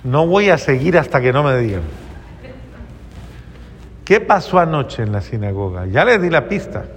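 A man preaching a homily to a congregation, asking them questions and acting out quoted replies in soft voices. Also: mid-range voice, sing-song, moderate pace, long reverb tail, a little hiss or hum. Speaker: priest.

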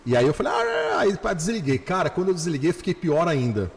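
A male pastor telling his conversion story on a podcast, animated, slowing down and repeating phrases for emphasis. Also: fairly high pitch, slightly rough, big-room sound. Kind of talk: podcast testimony.

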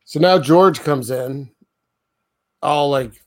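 A man's voice: fairly high pitch, slow. A man co-hosting a podcast, casually recapping a film's plot, laughing often and acting out quotes. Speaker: podcast co-host. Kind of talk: casual movie recap chat.

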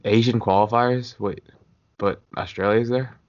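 Low-voiced young American frat bro. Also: male voice, fairly even intonation, unhurried, darkish tone. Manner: frat-bro slang, swearing. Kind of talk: casual podcast banter. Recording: dull lo-fi audio.

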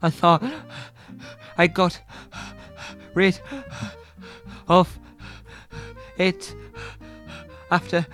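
A man's voice: high voice, monotone, very slow, long pauses, a bit bright, faint music behind, full character voice. A man voicing a jumpy, easily frightened young man who stammers in panic. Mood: panicked.

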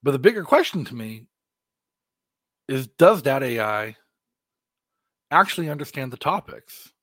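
An American man delivering a podcast monologue as host, in deliberate phrases with emphatic stresses. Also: mid-range voice, sing-song, fairly bright tone, dry recording.

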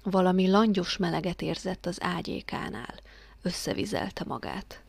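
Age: adult. Sex: woman. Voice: creaky, dry. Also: fairly low pitch, expressive, no echo. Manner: hushed, sinking to whispers at tense moments. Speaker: audiobook reader. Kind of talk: dramatic horror story reading.

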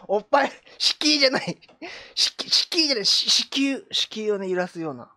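A woman's voice: medium pitch, animated, normal speed, sharp tone, dry recording. A woman streamer chatting casually with viewers, joking and teasing herself. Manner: joking, self-mocking, reacting to chat. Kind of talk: casual live chat.

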